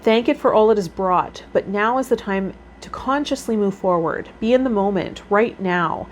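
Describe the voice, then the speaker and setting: A woman with a mid-range voice speaks at normal speed, hosting a tarot vlog series as a vlogger and healer. She reads card meanings aloud and tosses in casual commentary of her own, with noticeable background noise in the recording.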